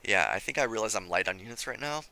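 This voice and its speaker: A slightly hoarse young man commenting on his strategy game as he plays, chatty and scolding himself for his mistakes. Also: on the low side, expressive, fast talker, bright, forceful tone. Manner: self-critical, chatty, thinking aloud. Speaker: gameplay commentator. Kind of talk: let's play commentary.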